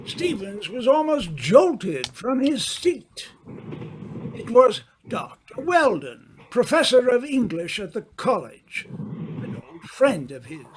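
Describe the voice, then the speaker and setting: A man narrating an old-time radio mystery in a dramatic, deliberate storytelling manner. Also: very high voice, big pitch swings, slight background noise, poor audio.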